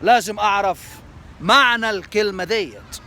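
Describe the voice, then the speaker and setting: High bright-voiced Egyptian man teaching. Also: normal speed. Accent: Egyptian Arabic. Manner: explanatory, repeats key terms in both languages. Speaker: language teacher. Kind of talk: lesson promo, switching between Arabic and English.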